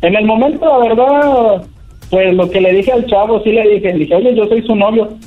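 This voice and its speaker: A man with a Mexican accent calls in over a tinny, narrow phone line. His voice sits fairly high, and he tells his story hesitantly, stringing it together with "pues" and "¿verdad?". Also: moderate pace, faint music behind. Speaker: caller telling his story. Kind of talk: casual storytelling on a phone call.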